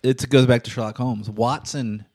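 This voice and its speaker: A man's voice: mid-range voice, steady tone, moderate pace, a little mellow. A man trading easygoing wisecracks as a panelist in casual podcast banter.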